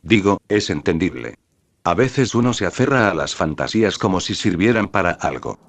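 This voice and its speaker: A man's voice: low-pitched, big pitch swings, moderate pace, no room sound, heavily acted. A man doing a bored, sneering villain. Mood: mocking. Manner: sneering, venomously sweet. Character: bored, mocking young male villain.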